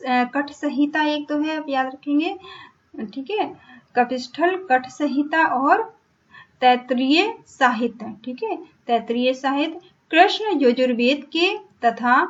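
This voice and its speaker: A woman's voice: sits high, a bit bright. A woman teaching an exam-prep lecture, repeating each point, asking and then answering her own questions. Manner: repetitive, checks in with "ठीक है", asks and answers her own questions. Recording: dull lo-fi recording.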